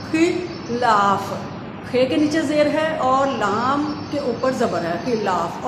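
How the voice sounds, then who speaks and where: A woman teacher with a Pakistani Urdu accent, giving a grammar lesson to children and spelling words out letter by letter with emphatic corrections. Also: high voice. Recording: echoey room with faint ambient noise.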